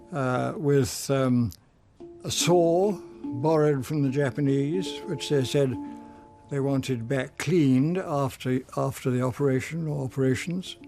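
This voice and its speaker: A man in his nineties, a former prisoner of war, recalling his memories hesitantly in an interview. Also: mid-range voice. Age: 90s. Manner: hesitant, many fillers. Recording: interview over loud music.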